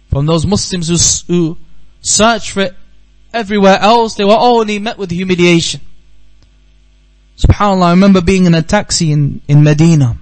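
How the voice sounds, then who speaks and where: A man's voice: sits high, low-quality recording. A man from the United Kingdom giving a religious talk at a seminar, telling a story earnestly and repeating key phrases for emphasis. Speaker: Islamic teacher. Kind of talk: Q&A talk after a religious lesson. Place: seminar hall.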